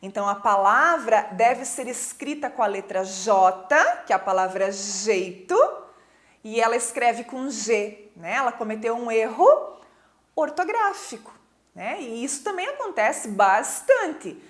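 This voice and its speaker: Woman, Brazilian Portuguese accent, teacher, recorded lesson, patient explaining, animated intonation. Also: fairly high pitch, a little slow. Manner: patient, explanatory, often checks understanding with tag questions.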